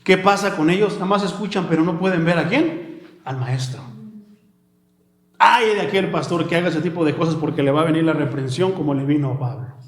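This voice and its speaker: A man preaching a sermon, calling listeners "my brother" and slowing down to read scripture. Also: a little high. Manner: addresses listeners as "mi hermano", slows for scripture. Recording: echoey room.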